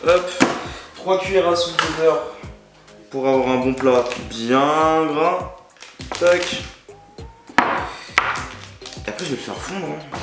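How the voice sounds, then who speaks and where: Man, casual cooking vlog, slangy and joking, echoey room, loud music behind. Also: mid-range voice. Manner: joking, chatty, slangy, talks straight to the viewer. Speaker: cooking video host. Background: loud background music.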